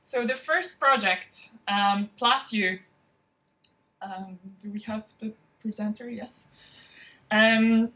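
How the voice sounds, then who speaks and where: A woman with a bright voice speaks to a room full of people while she hosts a demo day. Her talk is relaxed and informal and full of ums. She is miked from some distance, so she sounds slightly far off. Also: mid-range voice, takes it slowly, long pauses. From from outside Norway. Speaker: bootcamp founder hosting a demo day. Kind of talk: event welcome speech. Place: event venue, spoken to a live audience.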